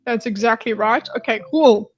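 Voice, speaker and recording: A woman's voice: fairly high pitch, normal speed, faint music behind. A woman hosting a livestream, reacting to a debate clip with blunt, exasperated, pleading asides and some swearing. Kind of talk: casual reaction commentary.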